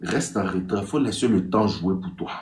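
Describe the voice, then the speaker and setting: A man with an Ivorian French accent giving casual dating advice on a live stream. He talks straight to his listeners, repeats his points and acts out text exchanges in a higher voice. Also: moderate pace, darkish tone, a little hiss or hum. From Ivory Coast. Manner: repetitive, addresses listeners directly.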